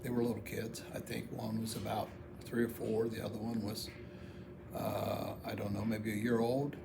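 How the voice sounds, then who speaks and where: American man storytelling over clear background noise. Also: fairly low pitch, level tone, moderate pace. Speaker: amateur video storyteller. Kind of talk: personal storytelling, casual monologue.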